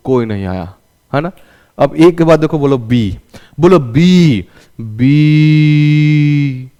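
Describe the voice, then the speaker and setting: In a large hall, a man with a mellow, mid-range voice teaches an English class. He asks questions, answers them himself, has the students repeat after him, and calls them "raja".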